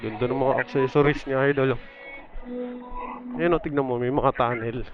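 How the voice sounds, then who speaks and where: A man's voice: medium pitch, steady tone, normal speed, narrow, tinny audio, over music. A man from the Philippines chatting casually as he walks a trail outdoors, pointing things out and a bit out of breath. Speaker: vlogger. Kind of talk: casual walking vlog. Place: outdoors on a trail to a river dam.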